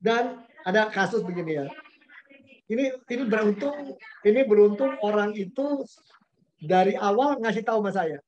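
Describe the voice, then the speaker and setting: A man's voice: high-pitched, lively intonation, moderate pace, pauses often, darkish tone. A man, a pastor giving a conversational webinar talk, telling anecdotes in a chatty way with slang and English words mixed in. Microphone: webinar video call. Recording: dull lo-fi webinar audio.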